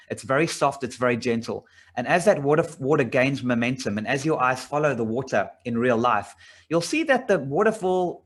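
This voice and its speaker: A man's voice: mid-range voice, breathy edge. A middle-aged man from South Africa giving a casual slide presentation about his business, rambling a bit with many fillers and restarts. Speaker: business owner presenting a job opportunity.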